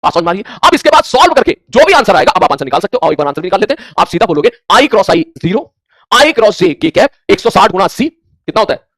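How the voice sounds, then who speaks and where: A man's voice: high-pitched, no room sound. A man teaching a physics lesson for exam prep. He acts out his students' answers and keeps asking if they follow. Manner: rapid, animated teacher who acts out student replies; addresses students informally, asks checking questions.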